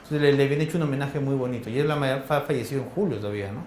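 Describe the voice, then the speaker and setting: A man with a Peruvian accent giving a classroom lecture, firing quick questions at his students in a colloquial way. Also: medium pitch, a little mellow, a little hiss or hum. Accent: Peruvian Spanish. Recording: echoey classroom.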